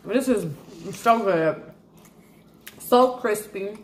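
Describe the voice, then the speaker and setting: A woman's voice: mid-range voice, expressive, very slow. A woman casually reviewing food, chatting while she talks with her mouth full. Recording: echoey room, faint background noise.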